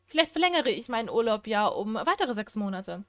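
A woman reading out a letter as a cocky, joking young man, slowly and playfully. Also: a little high, very animated, fairly bright tone, no room sound, clean studio sound. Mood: teasing.

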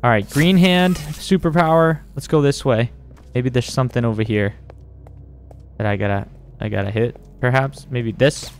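An amused, jokey man hosting a gaming video, exclaiming and yelling excitably as he comments on the gameplay. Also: medium pitch, normal speed, clean tone, faint music behind.

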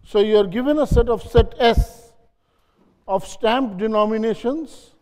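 A man's voice: high-pitched, unhurried, a little mellow. A man giving a classroom lecture, repeating key phrases and quizzing his audience. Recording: long hall reverb.

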